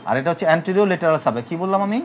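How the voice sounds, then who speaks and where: A man's voice: high-pitched, expressive, fast, slight background noise. A man from Bangladesh teaching an anatomy class, who quizzes his students by asking them to repeat terms back. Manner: drills students with repeated questions. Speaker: physiotherapy teacher. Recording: dull lo-fi recording.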